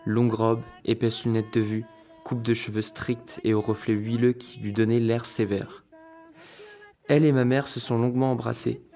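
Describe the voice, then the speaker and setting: A man's voice: medium pitch, warm tone. A man reading literary narration from a written text.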